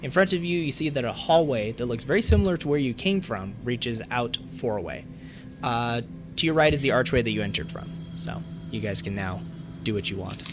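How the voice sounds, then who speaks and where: A young man narrating a tabletop game as its game master, laying out rooms and paths with frequent "uh"s and restarts. His voice sits at a middling pitch, with music playing behind him. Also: animated, brisk. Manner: descriptive narration with fillers and restarts, laughs easily.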